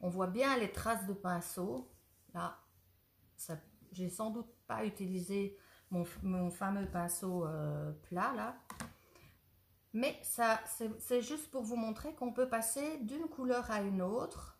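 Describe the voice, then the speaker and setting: A woman's voice: medium pitch, slow, creaky. A woman who owns a ceramics shop, chatting eagerly through a casual product demonstration and sometimes losing her thread. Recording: roomy echo.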